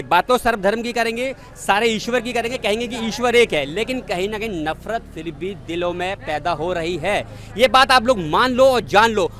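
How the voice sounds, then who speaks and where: A male street reporter with a high-pitched voice speaks straight to camera. He builds his point through repeated, earnest appeals to his audience. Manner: earnest, preachy, repetitive appeals. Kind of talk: street interview and on-camera commentary.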